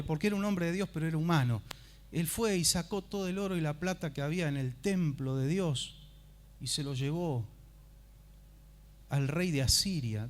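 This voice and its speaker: A male pastor preaching a sermon at a church service, telling the story dramatically and swinging from hushed to loud. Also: fairly high pitch.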